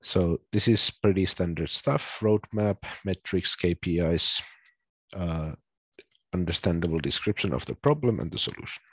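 Low husky man presenting on a call. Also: dry recording. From Finland. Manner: explains plainly with frequent ums and pauses. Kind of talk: casual online presentation. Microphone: video call.

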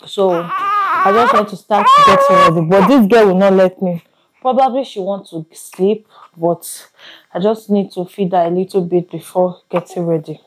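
A young mother vlogs from her home into a camera mic. Her voice is a little husky and mid-pitched, and she rambles along with restarts and pidgin asides. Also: animated, normal speed, fairly bright tone, poor audio. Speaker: vlogger mother. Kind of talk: casual vlog talk to camera. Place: home, indoors.

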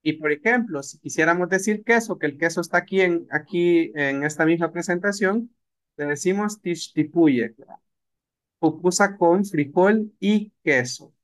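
Man, language teacher, fairly high voice, explanatory. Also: a bit bright. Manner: explanatory, slows down to spell out words. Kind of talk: live language lesson.

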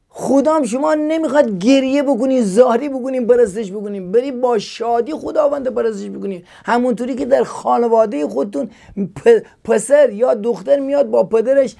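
A man with a high voice for a male speaker preaches as a pastor on a call-in TV program. He talks with fervor and keeps asking the viewers pointed rhetorical questions. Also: gravelly, mellow.

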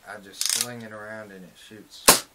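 A young man with a dip in his lower lip, casually rambling through a review from a small shed, recorded on a propped-up phone. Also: steady tone, normal speed, very noisy. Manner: laid-back, repetitive, plain country speech. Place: small open shed, rain outside. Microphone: phone propped on a door.

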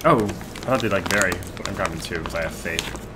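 A young man co-hosting a casual snack-tasting chat, animated and sarcastic in his ribbing. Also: sits low, fairly quick. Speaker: co-host. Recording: noisy home stream recording.

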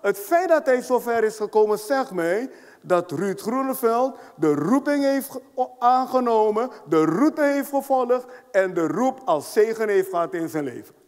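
A man with a high voice preaches a sermon in a church hall, and a long reverb trails after his words. He presses each point home, repeats key phrases and keeps asking his listeners whether they follow. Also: sing-song, a little slow, darkish tone. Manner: emphatic, repeats points with rhetorical questions. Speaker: apostle preaching.

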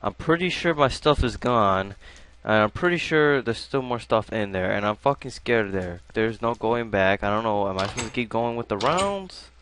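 A young man cursing and complaining through his own live gameplay commentary, swinging from mutters to yells. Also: lowish voice, expressive, moderate pace, clear, resonant tone. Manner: cursing, frustrated, swings between muttering and yelling. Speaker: gamer.

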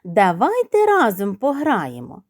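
Woman doing a sly purring cat, slow and flattering, storybook read-aloud. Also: mid-range voice, no echo, clean studio sound.

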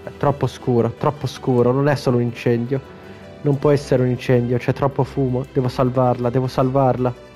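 A man's voice: medium pitch, flat delivery, normal speed, mellow, soft background music, natural voice. A man reading the lines of a blunt, protective young woman from a video game, in his own plain voice. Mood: panicked.

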